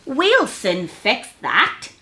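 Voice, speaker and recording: Casting: woman as helpful little storybook mouse, cheerful, high-voiced, swooping exclamations. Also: huge pitch swings, very slow, sharp tone, full character voice. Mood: cheery. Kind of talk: storybook character voice.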